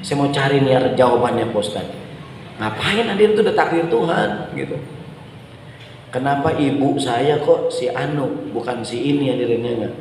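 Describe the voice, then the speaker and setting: A man's voice: medium pitch, moderate pace, darkish tone. A man preaching in a mosque, chatty and humorous, acting out the questions of everyday people and often turning to his audience. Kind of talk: mosque sermon. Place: large mosque hall. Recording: echoey hall with faint room noise.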